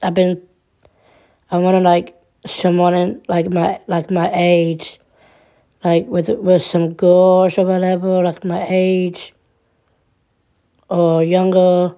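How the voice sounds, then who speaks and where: A woman in her twenties talking through her troubles in a personal monologue, halting and subdued, restarting and repeating her words often. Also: on the low side, completely flat delivery, warm tone. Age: 20s.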